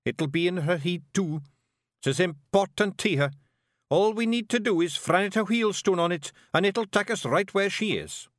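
A man voicing a tough, bossy little male fairy clan leader with a Scottish accent and a gruff, blunt way of talking. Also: high-pitched, animated, moderate pace, a bit bright, no echo, clean studio sound, voice pushed up. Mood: scheming.

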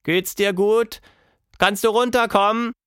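A man voicing a stubborn, cheeky little girl in a children's story, calling out loudly. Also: fairly high pitch, animated, normal speed, dry recording, clean studio sound, pitched above the performer's own voice. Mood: eager, loud. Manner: loud and eager.

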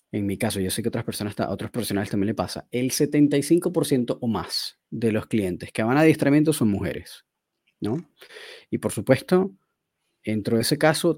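A man's voice: medium pitch, dark tone, no echo, clean studio sound. A man, a dog trainer talking casually on a podcast, thinking aloud in loose, searching phrases.

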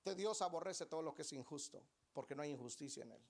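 Woman, preacher, sermon, animated, acts out dialogues, questions the congregation, bouncy pitch. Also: quick pace.

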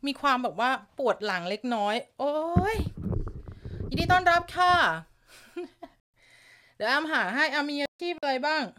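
A woman's voice: high voice, normal speed, pushed and bright, slight background noise. A woman from Thailand hosting a casual live stream from her home, giggling often and chatting with viewers while nursing a lingering cough. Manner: chatty, giggly, reads viewer comments aloud. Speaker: live-stream news host. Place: home, upstairs room.

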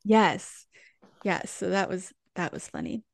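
A woman's voice: medium pitch, measured pace, creaky, no room sound, clean studio sound. A woman co-hosting a podcast, recapping a musical in casual, rambling chat full of restarts. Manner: chatty, lots of "like" and restarts. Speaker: podcast co-host.

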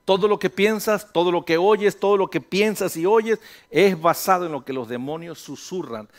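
A middle-aged man, a pastor, preaching a sermon in a chatty, conversational way, acting out inner voices and joking with his congregation. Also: fairly high pitch.

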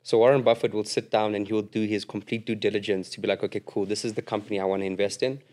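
A man with a fairly low voice talks casually about investing on a podcast. His speech is loose and full of fillers like "you know." He sounds relaxed and conversational. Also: very fast.

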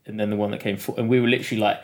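A man with a lowish voice tells a story in a relaxed podcast chat. He is animated, laughs often and acts out what others said. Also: very fast. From United Kingdom. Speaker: podcast guest. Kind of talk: casual storytelling interview.

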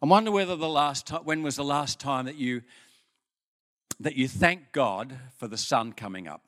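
An older Australian pastor preaching a sermon in a church, with folksy stories and an unhurried manner. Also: male voice, medium pitch. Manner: folksy storytelling, lively with pauses. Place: church hall.

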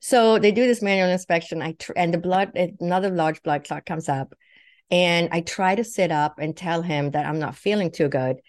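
Woman from Sweden, low voice, personal storytelling, acts out quoted lines. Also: moderate pace. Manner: vivid, acts out quoted thoughts and speech. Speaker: guest.

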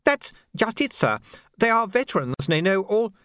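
A man's voice: sits high, sing-song, normal speed, a bit bright, clean tone, no echo, clean studio sound, voice pushed up. A man voicing a nervous young male sub-lieutenant who reports anxiously to his superiors. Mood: nervous, apologetic. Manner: anxious, stammering, deferential.

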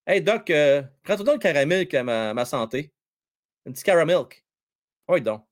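Excitable Québécois hockey commentator, lively pitch. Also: male voice, normal speed. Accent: Québécois French. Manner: animated, shouts at big plays, chats with chat viewers. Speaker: hockey commentator and live-stream host. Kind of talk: excitable live play-by-play commentary.

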